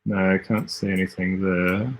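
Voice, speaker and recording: A man's voice: sits low, level tone, moderate pace. Rambling Australian man streaming a game. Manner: rambling, thinking aloud with frequent self-corrections. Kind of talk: casual livestream commentary while playing.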